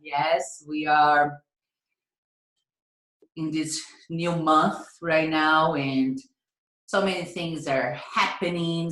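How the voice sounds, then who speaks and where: A woman teaching a yoga class, guiding breathing with calm, soothing instructions. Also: deep voice. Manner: calm, soothing, slow guidance with frequent "yes" and "right?". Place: yoga studio. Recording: echoey room.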